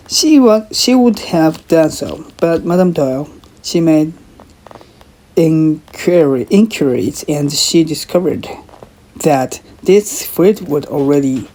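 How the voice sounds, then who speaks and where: A woman's voice: deep voice, mellow, voice pushed up, exaggerated voice. A woman reading aloud and voicing an anxious young lady's maid who insists and protests in a raised, earnest voice. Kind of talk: audiobook character reading.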